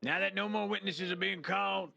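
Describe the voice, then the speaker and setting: A man runs a roleplay courtroom as a foul-mouthed judge who barks orders at everyone. His voice sits a bit high, with a gravelly rasp. The tone is bright and cutting. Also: fairly even intonation, a little fast, dry recording, highs cut off. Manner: brash, profane, commanding. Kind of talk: game roleplay in character.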